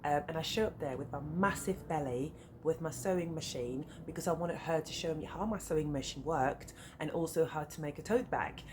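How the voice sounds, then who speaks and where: This sewing vlogger talks fairly quickly and hardly pauses, her voice sitting low, in English marked by a French accent; she's in her thirties and French is her first language. Her casual chat to camera rambles, full of "um"s and sidetracks, recorded in a flat beside a busy road with faint traffic behind.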